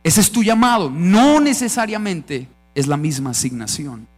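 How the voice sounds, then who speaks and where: A man's voice: high-pitched, lively intonation, moderate pace. A man with a Colombian Spanish accent preaching a conference sermon, emphatic and calling on the audience to answer back. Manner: emphatic, calls for audience responses. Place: church conference stage.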